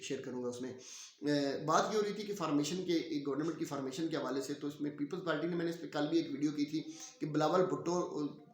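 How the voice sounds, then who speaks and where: A man's voice: fairly high pitch, darkish tone. A man gives an opinionated political commentary vlog, talking emphatically with frequent filler sounds. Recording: roomy echo.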